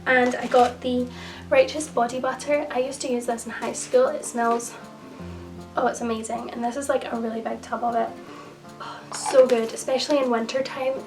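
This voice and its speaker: Gushing young woman vlogger, slightly croaky. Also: a little high, flat delivery, normal speed, far from the mic. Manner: gushing, effusive, repeats "so, so". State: croaky voice from a cold. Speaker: beauty and lifestyle vlogger. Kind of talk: casual haul vlog. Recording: music bed, voice a little off-mic.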